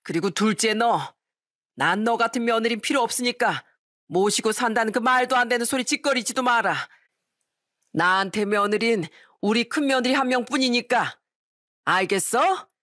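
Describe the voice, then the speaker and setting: A woman reading an audio story, voicing an elderly mother-in-law who shouts down her son and his wife. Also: a little high, moderate pace, no echo, clean studio sound, voice pushed up. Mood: furious. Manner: shouting, scolding.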